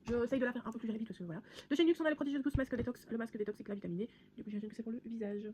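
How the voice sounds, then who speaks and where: Young woman vlogger, fast-talking and chatty, faint room noise behind. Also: a little high, warm tone. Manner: chatty, rambling, many fillers and restarts. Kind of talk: casual product haul vlog.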